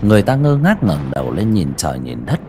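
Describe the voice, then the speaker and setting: A man narrating a village ghost story on a livestream, pausing and repeating words as he goes. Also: deep voice, very animated, dark tone, slight background noise. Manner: hesitant, repeats words and restarts.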